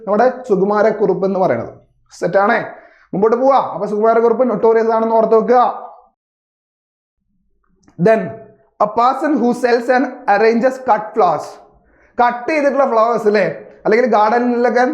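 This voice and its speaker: A young man teaching an exam vocabulary lesson, asking and answering his own questions and repeating key words. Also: very high-pitched. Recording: echoey room, slightly dull sound.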